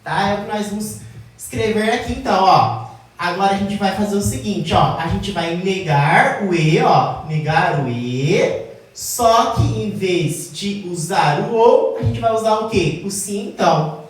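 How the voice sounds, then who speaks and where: A woman teacher explaining logic at a whiteboard, often checking in with the class and slowing down to stress key terms. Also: medium pitch. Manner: addresses class as "gente", checks with "tá?"; slows down to stress key words. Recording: very echoey room, mic far off.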